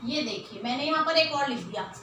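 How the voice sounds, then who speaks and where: A woman teaching a children's Hindi lesson, patiently explaining and stretching syllables slowly when she sounds out words. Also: high-pitched, lively intonation, pushed and bright, reverberant, a little hiss or hum. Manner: patient explaining, frequent rhetorical questions.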